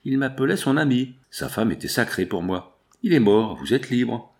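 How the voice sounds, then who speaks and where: A man's voice: mid-range voice, big pitch swings, moderate pace, darkish tone, pitched above the performer's own voice. A man reading an audiobook voices a passionate, brooding factory foreman who pleads insistently. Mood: fervent. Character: passionate working-class foreman, brooding and intense.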